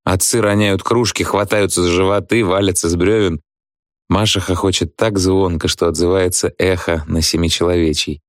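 A man narrating a story calmly in the first person, as an audiobook reader. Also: low voice, normal speed, no room sound, clean studio sound. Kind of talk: scripted narration.

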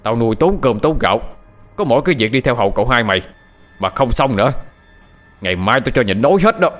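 A man's voice: mid-range voice, expressive, fast talker, a bit bright, faint music behind, natural voice. A man voicing a frantic old landlord who bellows at his servants. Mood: furious. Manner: bellowing, scolding.

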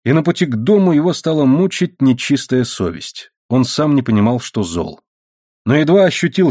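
A man narrating a novel as an audiobook, reading in a measured, steady way. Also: mid-range voice, no echo, studio quality. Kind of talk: scripted narration.

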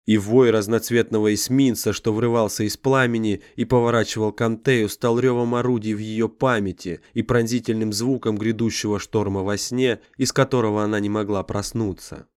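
A man reading a dark science fiction audiobook in a measured, grave storytelling manner. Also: fairly low pitch, no room sound, clean studio sound. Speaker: audiobook narrator. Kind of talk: scripted dramatic narration.

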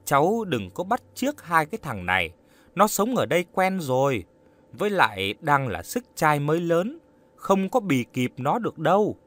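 A caring old grandmother of a remote village, as a male narrator reads her, fussing and gently scolding with lively rises and falls. Her talk swings in pitch as she coaxes and warns. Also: moderate pace. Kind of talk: audiobook character reading.

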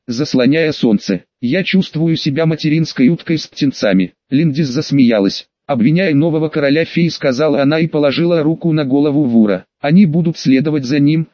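A man reading a fantasy audiobook aloud in an even, unhurried way, voicing every character alike. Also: a little high, dry recording. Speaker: audiobook narrator. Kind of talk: scripted narration. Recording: dull, dry lo-fi recording.

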